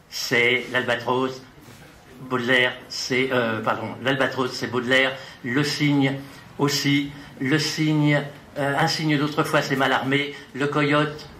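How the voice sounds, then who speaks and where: At an evening event in a gallery, a man with a sharp, somewhat high voice introduces his own poem and then reads it aloud, with slight background noise. His delivery at this live poetry evening is rhythmic, playful, and list-like.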